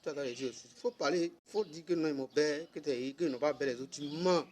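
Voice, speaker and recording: A man's voice: on the high side, moderate pace, a little mellow. A man, ranting casually and scolding someone directly, repeating himself for emphasis. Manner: scolding, repetitive, addresses listener directly. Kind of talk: casual spoken rant.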